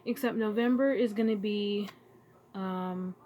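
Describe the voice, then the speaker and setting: A woman talking to her channel in a casual, emotional vlog, halting and searching for words as she grows tearful. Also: medium pitch, steady tone, dark tone, slight background noise. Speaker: vlogger. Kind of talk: casual heartfelt vlog talk.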